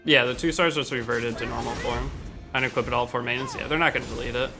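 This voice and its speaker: A man's voice: mid-range voice, fairly even intonation, quick pace, over music. A man casually chatting on a game livestream from home, answering viewers' questions in an offhand, rambling way with some slang. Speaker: game streamer.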